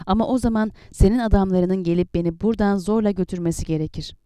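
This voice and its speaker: A woman reading the lines of a weary aging male leader, speaking softly and troubled. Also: mid-range voice, quick pace, smooth, no echo, studio quality, lightly acted. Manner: soft, troubled.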